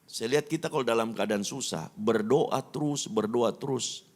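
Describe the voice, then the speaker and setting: A man from Indonesia, a pastor preaching a sermon and telling personal stories, who swings between loud pleading peaks and quiet conversational asides. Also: medium pitch, normal speed, gravelly.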